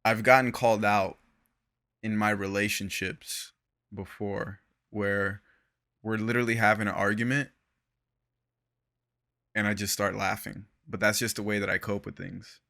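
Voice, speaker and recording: Bright-voiced young man, laid-back and slangy. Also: fairly low pitch, little pitch movement, unhurried, creaky, pauses often. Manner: laid-back, slangy, laughs often, trails off. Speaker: podcast co-host. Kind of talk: casual chat.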